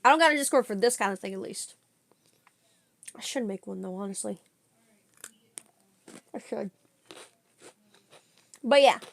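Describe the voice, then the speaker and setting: A young woman streaming a reaction video, chatting casually in an excitable, slangy way while snacking. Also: mid-range voice, unhurried, gravelly, long pauses.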